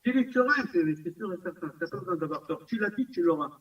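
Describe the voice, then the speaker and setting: A rabbi with a high voice gives a lively class in a community center room, repeating points and putting questions to his listeners. He sits well back from the mic, and the recording sounds dull and lo-fi. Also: fast, distant mic. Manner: animated, repetitive, asks the audience questions. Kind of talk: recorded Torah class lecture.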